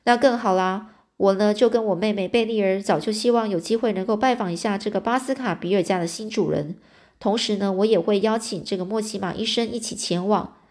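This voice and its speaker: A woman's voice: mid-range voice, a little fast, a little mellow, lightly acted. Glib, sociable male naturalist, hearty talker, read by a woman narrator, storybook style. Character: smooth-talking male naturalist, sociable adult. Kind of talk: storybook reading.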